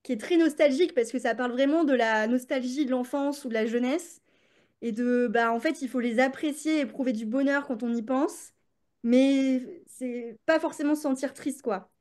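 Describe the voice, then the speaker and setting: A woman's voice: sits high, moderate pace, a little mellow. A woman, a creativity coach, chatting as a podcast guest with many fillers and restarts. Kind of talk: casual podcast interview.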